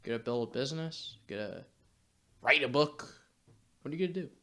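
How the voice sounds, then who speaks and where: A man's voice: mid-range voice, moderate pace, pushed and bright. A young man delivering a blunt, exasperated rant to camera, swearing casually as he lectures viewers. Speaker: YouTube commentator.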